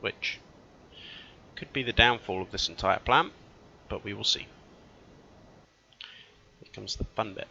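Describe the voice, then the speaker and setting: A man's voice: lowish voice, slow, vocal fry, long pauses, sharp tone, slight background noise. A man giving casual let's-play commentary, thinking aloud as he plays and often correcting himself mid-sentence. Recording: dull lo-fi recording.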